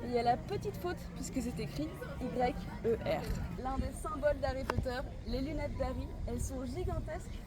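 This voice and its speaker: A woman's voice: high-pitched, normal speed, hardly any pauses. A woman giving an enthusiastic guided tour in a travel vlog, pointing things out to her viewers. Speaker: vlogger. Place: outdoors then indoors at a studio attraction. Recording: loud music behind.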